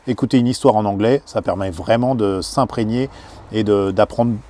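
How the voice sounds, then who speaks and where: A man with a fairly low voice explains things in a relaxed vlog style. He talks hesitantly and often pauses on filler sounds as he goes. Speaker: travel vlogger. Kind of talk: casual explanation.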